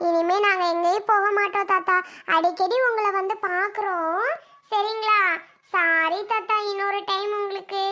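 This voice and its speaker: Here is a woman voicing a young child in a family skit. The voice is very high and bright. The child pleads and apologizes earnestly. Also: fairly even intonation, moderate pace. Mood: pleading.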